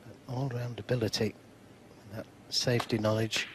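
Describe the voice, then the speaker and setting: Unhurried male snooker commentator with background noise. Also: medium pitch, flat delivery, poor audio. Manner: measured, unhurried remarks in short phrases. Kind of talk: sports commentary. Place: live snooker broadcast commentary.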